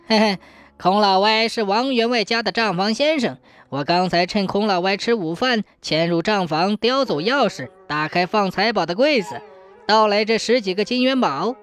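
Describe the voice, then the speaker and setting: A woman's voice: medium pitch, close to an everyday voice. A woman doing a boastful scheming tomcat. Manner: boastful, quick, scolding. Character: cunning, hot-tempered male cat.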